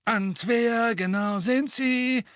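A smug, condescending official sneers and barks his lines in a raised, lively voice, as a male narrator puts him on. The delivery is dry and close, like a studio audiobook reading. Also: high-pitched, measured pace, no echo, pitched above the performer's own voice, full character voice. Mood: haughty. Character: smug pompous male minister, blustering.

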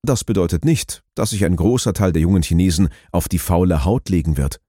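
A man giving scripted documentary narration in a measured, explanatory way. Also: deep voice, mellow, husky, no echo, studio quality.

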